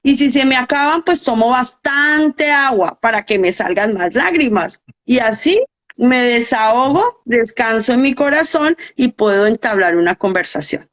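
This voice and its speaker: A woman's voice: on the high side, expressive, a little slow. A middle-aged woman, a coach and educator, earnestly explaining her ideas in a live interview and often asking rhetorical questions.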